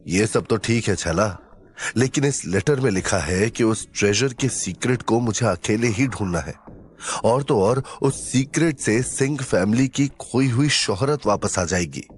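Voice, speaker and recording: A man voicing a brooding young male hero in an audio drama, grave and measured. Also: lowish voice, expressive, husky, pitched below the performer's own voice. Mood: serious.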